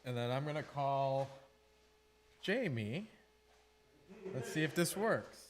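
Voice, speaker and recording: A man's voice: mid-range voice, expressive, slow pace, slight background noise. Chill guy hosting a test interview, mid voice, lots of reverb from a room mic. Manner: laid-back, loose and joking. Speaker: host. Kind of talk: casual call-in interview test.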